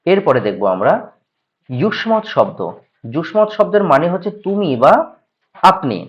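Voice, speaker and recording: A man with a Bengali accent teaching Sanskrit grammar, reciting word forms in slow drilled lists and quizzing his listeners. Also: on the high side, sing-song. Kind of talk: grammar lesson, reciting declensions. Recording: dull lo-fi audio.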